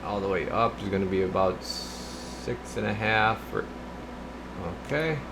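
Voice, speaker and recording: The host of a radio repair and test channel narrates an informal hands-on demonstration, taking viewers through each step as he works and occasionally half muttering to himself. His voice is fairly low and a little slow, set against a noisy background.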